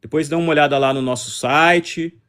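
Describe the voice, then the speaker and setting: Fast, combative Brazilian man streaming live. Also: on the high side, fairly even intonation, fairly bright tone. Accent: Brazilian Portuguese. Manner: combative, repetitive, answers chat comments. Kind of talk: casual political live stream chat.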